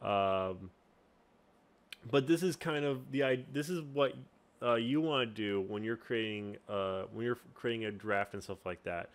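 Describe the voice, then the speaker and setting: A man's voice: lowish voice, measured pace. Rambling, casual man explaining his game prep. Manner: rambling, full of fillers and restarts. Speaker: game master and channel host. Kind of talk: casual tutorial talk.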